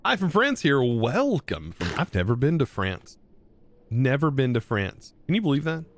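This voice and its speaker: A man's voice: medium pitch, sing-song, moderate pace. A man in his thirties from the United States, rambling and joking with his viewers while he plays. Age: 30s. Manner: rambling, joking, talking to chat between actions. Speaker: live streamer. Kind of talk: casual gameplay chat with viewers.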